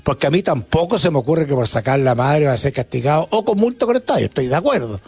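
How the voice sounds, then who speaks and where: Man, slightly high voice, sports panelist, measured, argumentative. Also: lively intonation, darkish tone, slightly rough. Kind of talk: casual sports debate.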